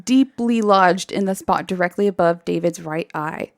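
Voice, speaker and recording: A woman podcast host retelling a story in casual chat, animated and laughing often. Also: lowish voice, normal speed, no echo, clean studio sound.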